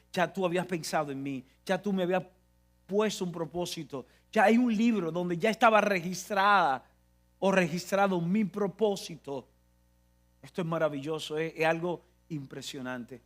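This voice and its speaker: A man's voice: on the high side, a bit bright. A man with a Dominican Spanish accent preaching a sermon, emphatic and repetitive, often restarting his phrases.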